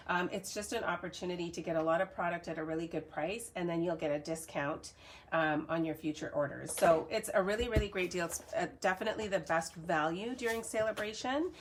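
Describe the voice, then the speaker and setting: A woman's voice: lowish voice, a little hiss or hum. An adult woman from Canada, chatting casually through a live cardmaking tutorial, upbeat and reading viewer comments aloud. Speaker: cardmaking demonstrator.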